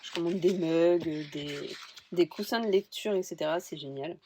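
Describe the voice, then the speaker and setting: A woman's voice: lowish voice, moderate pace, dark tone, a little hiss or hum. Woman, book vlogger, chatty, rambling, casual talk. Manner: rambling, chatty, admits she talks too much. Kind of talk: casual chat about books.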